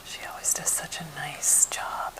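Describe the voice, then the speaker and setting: An American woman whispering softly and breathily in a gentle, unhurried ASMR chat, as for a finger-tapping video. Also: rough recording. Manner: gentle, unhurried rambling storytelling. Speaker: ASMR creator showing wooden objects.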